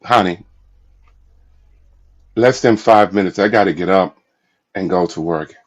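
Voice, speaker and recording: Ein sanfter, unterwürfiger Ehemann, von einem Mann nachgespielt, der in gedämpftem, flehendem Ton beschwichtigt. Die Stimme ist tief und ruhig. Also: male voice, sits low, a little slow, dull audio. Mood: pleading. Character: meek, apologetic young husband.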